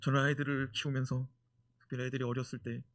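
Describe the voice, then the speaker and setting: A male pastor preaching a sermon in an animated way, full of rhetorical questions. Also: medium pitch, fast talker.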